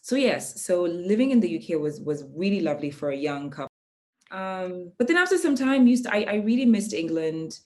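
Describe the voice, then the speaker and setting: As a guest in a casual chat, this low-voiced woman from Kenya, a native Swahili speaker, sounds reflective and a little mellow, with big pitch swings. She's an adult with a young child and frequently pauses with ums.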